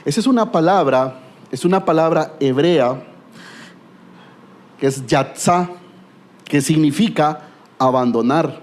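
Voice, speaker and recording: Animated Guatemalan preacher, fairly high voice. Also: male voice, slow pace, long pauses. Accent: Guatemalan Spanish. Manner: animated storytelling with rhetorical questions and humor. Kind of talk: sermon.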